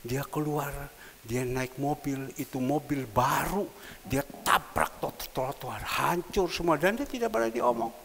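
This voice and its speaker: Male pastor, East Javanese Indonesian accent, sermon, slightly high-pitched, emphatic then hushed, long hall reverb. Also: a little slow, creaky. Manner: swings from loud emphatic preaching to quiet confiding asides. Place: church hall. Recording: long church reverb with faint hiss.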